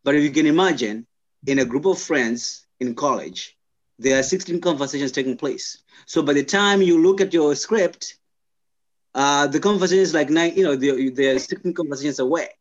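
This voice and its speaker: Thoughtful man from Zimbabwe, halting speech. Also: fairly high pitch, dull audio. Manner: thoughtful, halting, many restarts and fillers. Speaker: guest. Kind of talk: conversational interview.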